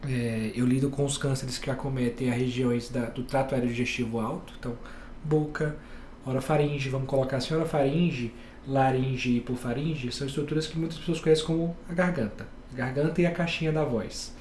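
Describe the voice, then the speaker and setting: A man from Bahia, a head and neck surgeon, calmly explaining his specialty step by step on a podcast. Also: mid-range voice, a little fast, reverberant, a little hiss or hum. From Bahia, Brazil. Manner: calm, explains step by step with plain examples.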